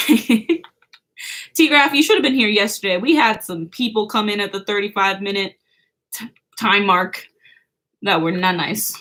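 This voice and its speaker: With a medium-pitched, fairly bright voice, this young woman speaks at a measured pace and pauses often. She's the host of a birthday livestream indoors at home, giggling through a casual chat with viewers and leaning heavily on "like."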